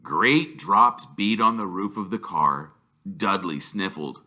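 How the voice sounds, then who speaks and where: A male teacher reads a children's novel aloud as animated storybook narration. His bright, forceful voice is expressive and emphatic, with lively pitch swings and drawn-out words.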